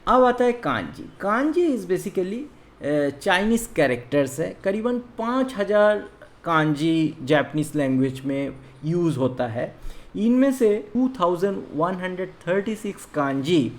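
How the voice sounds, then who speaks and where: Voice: mid-range voice, big pitch swings, a little slow. A Japanese language teacher from India giving an online beginner lesson, explaining patiently and counting out writing strokes aloud.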